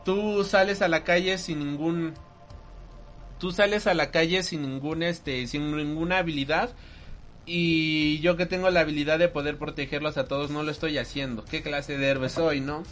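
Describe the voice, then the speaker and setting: A man voicing a weary male hero mentor who doubts himself, speaking haltingly. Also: on the high side, steady tone, a bit bright, faint music behind, close to an everyday voice. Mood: remorseful. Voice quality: halting, stammering.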